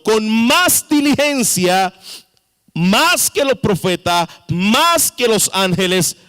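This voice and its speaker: A man's voice: sits high, gravelly, fairly bright tone. A man preaching a sermon as pastor, with sudden emphatic rises and questions to the congregation. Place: church sanctuary. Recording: long reverb of a church hall.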